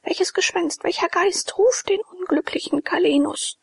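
A woman's voice: very high-pitched, measured pace, creaky, whispered, voice pushed up, full character voice. A woman voicing a desperate male priest locked in a cellar, pleading and then swearing revenge. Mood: frightened.

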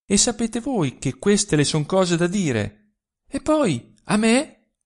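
A man's voice: on the high side, big pitch swings, slow, darkish tone, husky, pitched above the performer's own voice, full character voice. A man reading an audiobook, voicing a bold, defiant young peasant who speaks in a raised, indignant voice.

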